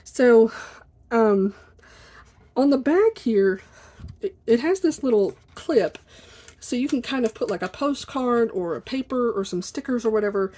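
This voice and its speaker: A woman chatting casually and informally at her desk for a video, in an apologetic, rambling way, with a squeaky chair that may creak behind her. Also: expressive, a little slow, warm tone. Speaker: video blogger. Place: at a desk indoors.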